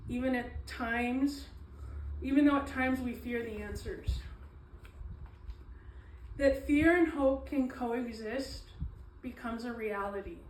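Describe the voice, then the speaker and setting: A woman giving a slow, earnest reading of her own poetry, pausing often with ums and apologies. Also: a little high, slight background noise. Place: small event space, indoors. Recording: echoey room, mic at a distance.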